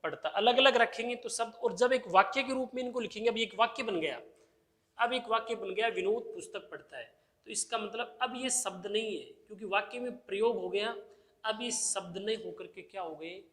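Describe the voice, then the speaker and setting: A man's voice: high voice, moderate pace, a bit bright. A male teacher giving an exam-prep grammar lesson, who asks the class questions and answers them himself, repeating the key terms. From India.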